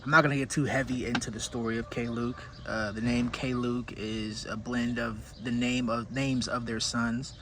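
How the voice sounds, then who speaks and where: Male host, mid-pitched voice, informal opinionated commentary, thinking aloud, clearly noisy recording. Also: level tone, normal speed, few pauses, sharp tone. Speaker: whiskey review host. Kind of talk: casual solo commentary.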